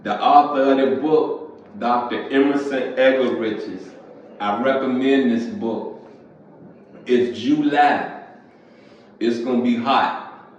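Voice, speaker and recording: Male pastor, casual sermon, slow drawl, heavy room echo. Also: mid-range voice, a little hiss or hum. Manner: conversational, repeats "you feel me"; clears throat often. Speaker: pastor and podcast host. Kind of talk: casual preaching monologue. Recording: echoey, distant, dull lo-fi sound.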